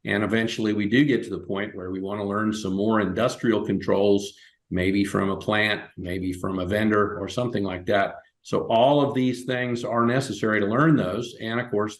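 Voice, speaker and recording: A man's voice: lowish voice, moderate pace. A man hosting a webinar, talking casually through his slides with plenty of fillers and restarts. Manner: relaxed, loose, with frequent fillers and restarts. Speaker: webinar host. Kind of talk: casual presentation over slides. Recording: echoey room.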